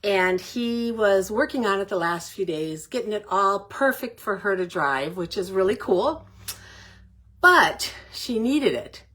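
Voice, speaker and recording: An older woman chats on a home craft livestream, still a bit out of breath. She talks in a friendly, rambling way and stops to greet each viewer by name. Her pitch sits at a middle height for a woman. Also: animated, a little slow, a bit bright. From Middle Tennessee, United States. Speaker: paper crafting livestream host. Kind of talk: casual livestream chat.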